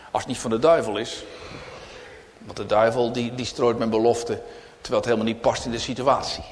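A man preaching a sermon in a church, swinging between loud declarations and whispers. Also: medium pitch, slight background noise. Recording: reverberant church hall.

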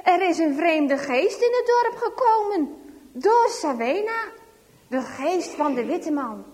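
A woman voicing a hoarse, power-hungry old village medicine man who speaks in slow, solemn pronouncements. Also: very high voice, sing-song, a little mellow, in a large hall, exaggerated voice. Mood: solemn, ominous.

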